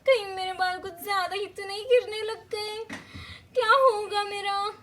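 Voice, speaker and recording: A woman's voice: very high voice, fairly even intonation, normal speed, a bit bright, pitched above the performer's own voice. A woman doing a fretful young mum, whiny and tearful. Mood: worried whiny. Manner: worried, whining, near tears. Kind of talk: doll-play story voice.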